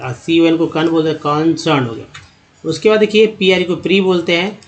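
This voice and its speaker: A man teaching English reading in Hindi, spelling out letter groups slowly and repeating each sound for his viewers. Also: high-pitched. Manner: addresses viewers as friends, explanatory. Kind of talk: Hindi lesson on spelling patterns.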